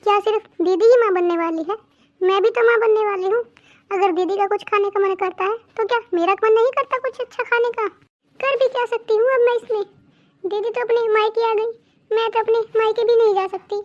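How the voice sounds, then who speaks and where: A woman's voice: very high-pitched, fairly even intonation, fairly quick, muffled recording. A woman doing a put-upon young cartoon daughter-in-law. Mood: complaining. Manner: plaintive, self-pitying. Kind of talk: cartoon voice acting.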